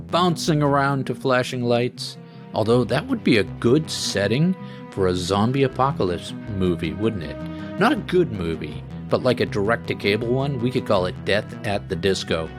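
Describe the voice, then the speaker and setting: A male podcast host chatting casually and rambling with joking asides, tired after a late night. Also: medium pitch. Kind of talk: casual chat. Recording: music playing underneath.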